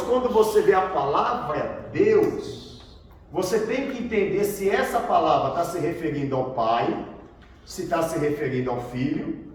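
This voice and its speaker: A Brazilian man, a pastor, teaching a Bible class and quizzing his students, often repeating their answers back to them. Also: sits high. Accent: Brazilian Portuguese. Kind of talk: classroom theology lesson. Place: large echoey room with students, from far off. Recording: echoey room, voice from far off, faint noise.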